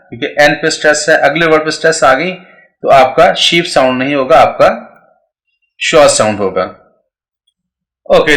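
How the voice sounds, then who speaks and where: A man's voice: mid-range voice, bright, forceful tone. A man teaching English pronunciation rules step by step, often checking in with his listeners.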